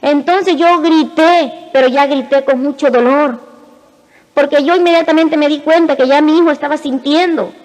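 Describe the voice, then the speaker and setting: High-pitched woman giving an emotional church testimony in short, halting phrases, heard in a reverberant hall. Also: darkish tone. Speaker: testimony speaker. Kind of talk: spoken religious testimony.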